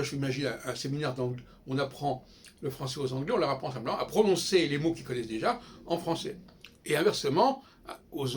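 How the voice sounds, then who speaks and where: A man's voice: medium pitch, slight background noise. An older man giving a casual, digressive spoken lecture, often breaking off and restarting his sentences. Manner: digressive, self-interrupting, frequent restarts. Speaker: host.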